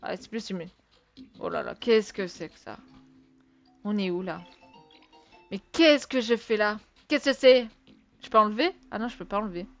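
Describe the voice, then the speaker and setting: A woman's voice: mid-range voice, normal speed, long pauses, lo-fi sound, faint music behind. A woman giving casual let's-play commentary in French, chatty and exclamatory, talking to her viewers with exasperated asides and sighs. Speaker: gaming video creator.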